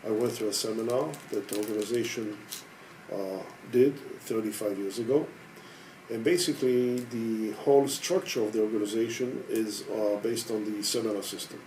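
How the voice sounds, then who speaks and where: Man, 60s, from Israel, organization head, dark tone, measured and hesitant, personal testimony. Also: lowish voice, steady tone, a little hiss or hum, rough recording. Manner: measured, hesitant with frequent pauses.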